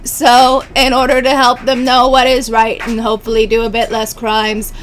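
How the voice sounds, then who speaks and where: A woman's voice: fairly high pitch, monotone, soft background music. A woman voicing a prim, formal male robot student in a game playthrough, rubbing her throat so her voice warbles like a cyborg. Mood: earnest. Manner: stiff, formal, measured diction.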